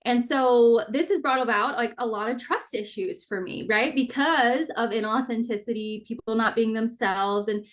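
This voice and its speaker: A woman's voice: on the high side, moderate pace, hardly any pauses. A woman in her thirties hosting her own podcast, talking earnestly and openly in a casual, personal monologue with everyday fillers and the odd mild swear. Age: 30s. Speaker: podcast host.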